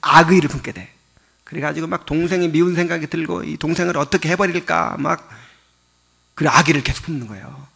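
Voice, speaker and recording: A man's voice: on the high side, fairly quick, creaky, pushed and bright, husky. A male pastor giving a sermon in a conversational, explaining way, asking his listeners rhetorical questions and chuckling often. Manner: chuckles often while teaching.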